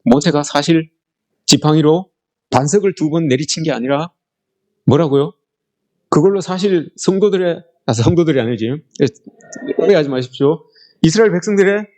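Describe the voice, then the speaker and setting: A male pastor delivering a sermon, his voice sitting somewhat high for a man and swinging widely in pitch. He speaks conversationally in polite speech, keeps turning to address the congregation, and acts out the complaints he quotes.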